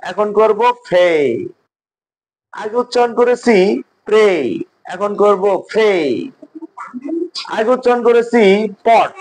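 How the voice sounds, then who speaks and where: A man's voice: high voice, a little hiss or hum, poor audio. A man with a Bangladeshi accent teaching an English pronunciation lesson, explaining rules step by step with repeated examples.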